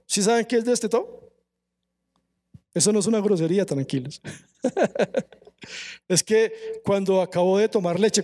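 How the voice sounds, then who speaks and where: Very high-voiced male preacher. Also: darkish tone. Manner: emphatic, slows down for scripture, asks the congregation questions. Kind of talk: sermon. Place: church service.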